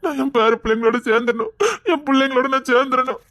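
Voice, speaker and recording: A performer with a Tirunelveli accent playing a tender, doting old grandfather in a comedy skit, talking slowly and fondly. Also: high-pitched, fairly even intonation, a bit bright, no echo. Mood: sorrowful. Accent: Tirunelveli Tamil. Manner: slow, fond and pleading, breaking into sobs. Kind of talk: skit acting.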